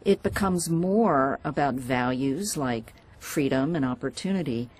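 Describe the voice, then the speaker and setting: A woman correspondent delivering a scripted news report in an even, explanatory tone. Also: a bass voice, unhurried, husky, low-quality recording.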